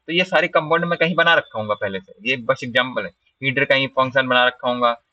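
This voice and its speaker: A man's voice: mid-range voice, sharp tone, no echo. A man giving a step-by-step programming lecture over a screen recording, often checking in with the viewer. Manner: explains step by step, often asks "ठीक है?". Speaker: programming instructor. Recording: dull, slightly distant dry mic.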